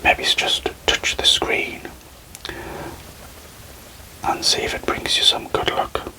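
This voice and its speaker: This man addresses viewers as an ASMR creator, whispering breathily through a role-play without ever fully voicing. His delivery is gentle, deliberate and unhurried, with leisurely pauses, and the audio quality is poor.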